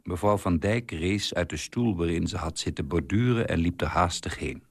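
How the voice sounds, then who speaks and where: A man reading a short story aloud in a calm, measured way for radio. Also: deep voice, creaky, husky, no room sound, studio quality. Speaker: story reader. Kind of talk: scripted narration of a short story.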